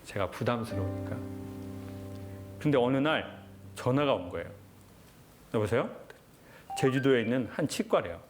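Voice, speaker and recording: Male lecturer, mid-pitched voice, earnest reflective storytelling, short measured phrases, music underneath. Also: lively intonation. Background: background music.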